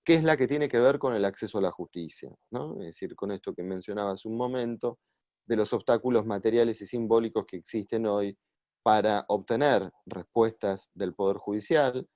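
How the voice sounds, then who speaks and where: Guy, kinda low voice, explaining slow with lots of "eh", dull dry audio. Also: dry recording. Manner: measured and explanatory, with frequent "eh" and repeated words. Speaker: guest speaker on judicial reform. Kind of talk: lecture-style explanation.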